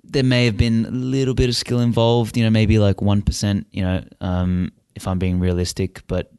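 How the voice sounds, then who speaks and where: A man, a podcast guest telling stories in a casual, profane, animated way with lots of fillers and restarts. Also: fairly low pitch, normal speed, smooth, no room sound, studio quality. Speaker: interview guest. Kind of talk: casual conversational storytelling.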